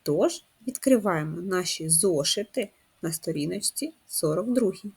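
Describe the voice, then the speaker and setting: A woman's voice: on the low side, expressive, measured pace, darkish tone, husky. A woman teacher giving a patient, step-by-step first-grade writing lesson, asking the children questions as she goes. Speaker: primary school teacher.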